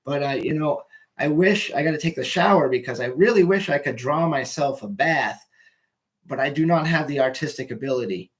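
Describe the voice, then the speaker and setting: A man's voice: a little high, normal speed. A young man doing a casual, rambling stand-up monologue at home, loose and swearing, often trailing off mid-sentence. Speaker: amateur comedian.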